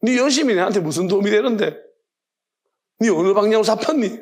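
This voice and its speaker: A man's voice: high-pitched, animated, fast, a little mellow. A man voicing God as a stern, fed-up male figure who scolds bluntly. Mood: scolding. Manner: blunt, rough rebuking.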